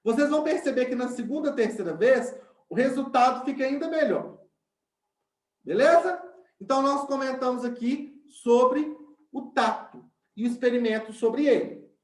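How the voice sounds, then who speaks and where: A man's voice: very high voice, normal speed, roomy sound. A male science teacher, giving an online class and explaining step by step while often checking in with his students.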